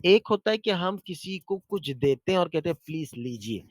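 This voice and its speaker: A man teaching a beginner Arabic class over a video call, patiently repeating words slowly for his students. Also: fairly high pitch, animated, dry recording. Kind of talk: online beginner language lesson.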